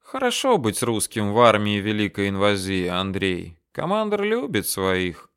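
A man voicing a calm, menacing male desert soldier officer who talks softly and mockingly. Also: on the low side, unhurried, clear, resonant tone, heavily acted. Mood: coolly mocking. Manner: soft, coolly mocking.

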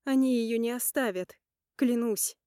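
A woman voicing a calm, resolute adult sister who speaks clearly and deliberately to reassure. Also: on the high side, no echo, studio quality, pitched above the performer's own voice, natural voice. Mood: reassuring.

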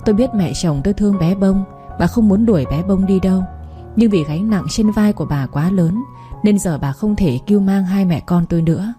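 A woman narrating a first-person audiobook story in a steady storytelling manner. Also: fairly low pitch. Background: faint music.

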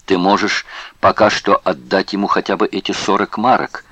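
A man's voice: low-pitched, fairly even intonation, moderate pace, pushed and bright, slightly rough, no room sound, exaggerated voice. A man voicing an anxious male prisoner who speaks earnestly and insistently, in an audiobook reading.

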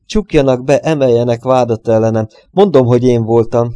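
A man's voice: dark tone, dry recording, lightly acted. A man voicing a nervous, worn-out little man of about forty-five who pleads and shrieks his way through a false confession. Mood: shrill pleading. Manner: pleading, shrill and indignant.

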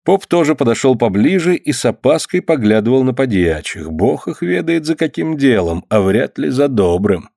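A man narrating a historical tale as an audiobook, in even, measured storytelling. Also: mid-range voice, gravelly, no room sound, studio quality.

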